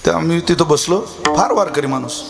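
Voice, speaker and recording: A man preaching a kirtan sermon, telling humorous stories between preachy asides and slowly chanted verse. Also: on the high side, vocal fry, over music. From Vidarbha, Maharashtra.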